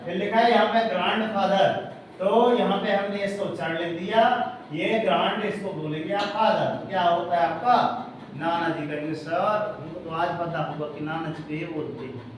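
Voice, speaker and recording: High-voiced man teaching in an echoey classroom. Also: normal speed, slight background noise. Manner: spells words letter by letter, asks the class questions. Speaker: English tutor. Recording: echoey room recorded from a distance.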